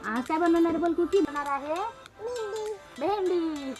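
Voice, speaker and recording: A woman's voice: very high voice, a little slow, over loud music. A mother talking to her toddler in a playful home vlog, coaxing her in sing-song baby talk. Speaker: mother and vlogger.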